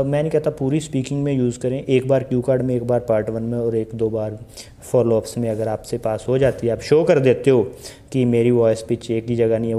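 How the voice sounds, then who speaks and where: A man's voice: medium pitch, mellow. A young man coaching IELTS speaking in a casual tutorial, chatty and full of rhetorical questions to the viewer. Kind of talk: casual Hindi tutorial monologue.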